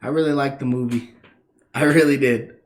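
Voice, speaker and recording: A man's voice: mid-range voice, steady tone, moderate pace. A young man co-hosting a casual film chat, opinionated and teasing. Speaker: podcast co-host. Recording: echoey room.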